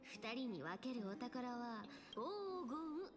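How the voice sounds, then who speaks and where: A woman voices a sly, breezy young female thief who loves treasure in a Japanese anime game, sounding casual, teasing, cocky and persuasive. Her fairly high voice is expressive and unhurried, with music playing in the background.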